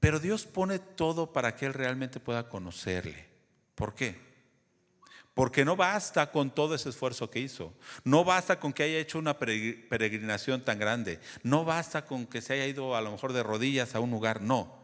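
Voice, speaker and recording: A man's voice: medium pitch, expressive, normal speed, a bit bright. Man preaching in a reverberant hall. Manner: conversational teaching, keeps asking the congregation questions. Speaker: pastor. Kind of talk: sermon.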